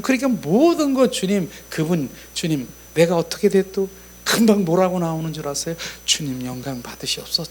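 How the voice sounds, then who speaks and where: High-voiced male pastor preaching conversationally. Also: a little hiss or hum. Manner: conversational, repeats key phrases; acts out prayers in an intimate, whispering tone. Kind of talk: sermon.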